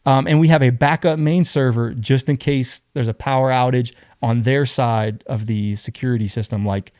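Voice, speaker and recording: Animated man telling a wild story. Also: medium pitch, moderate pace, smooth, no echo, clean studio sound. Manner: animated, acts out other people's lines. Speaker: podcast guest. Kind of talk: casual storytelling.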